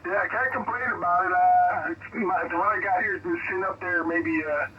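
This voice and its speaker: A man's voice: sits high, brisk, recorded from a distance. An American man chatting casually as a radio operator in a folksy, hesitant way, heard over a crackly two-way radio. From United States. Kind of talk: casual radio contact chat with operator jargon. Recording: crackly, noisy, muffled shortwave radio signal.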